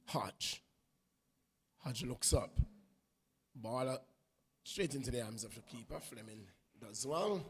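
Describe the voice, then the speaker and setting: A man giving unhurried live play-by-play commentary on a women's football match, lifting his voice when play gets close to goal. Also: medium pitch, animated, fairly bright tone, husky, long reverb tail. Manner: unhurried play-by-play, rising on attacks.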